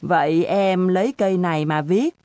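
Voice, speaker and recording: A woman's voice: lowish voice, moderate pace, warm tone, no echo, lightly acted. A woman voicing a crafty teenage boy tutor who boasts, tells tall tales and falters when he is caught out. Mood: boastful, weary.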